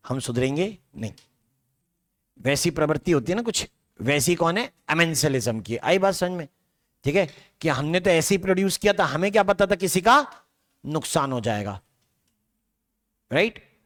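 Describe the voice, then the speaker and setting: A man with a slightly high voice teaches biology to a large classroom, speaking. He lectures in a loose, talky way and keeps checking in with his students through rhetorical questions. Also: sing-song, moderate pace, pauses often, a bit bright.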